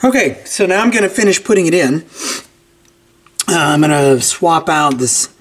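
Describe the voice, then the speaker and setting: A man who hosts a repair channel speaks at a moderate pace in a slightly high voice, casually walking through a hands-on repair and thinking aloud. Clicks and a steady, clear background noise accompany him at his cluttered indoor workbench.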